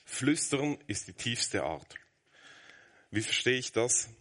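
A man in his thirties preaching a sermon, earnest, moving between brisk explanation and a soft, hushed near-whisper. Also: medium pitch, very animated.

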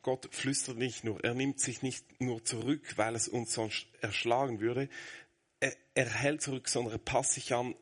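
Male preacher, 30s, lowish voice, earnest; brisk teaching that sinks to hushed tones. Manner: earnest, shifts from brisk explaining to soft near-whisper. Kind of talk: sermon.

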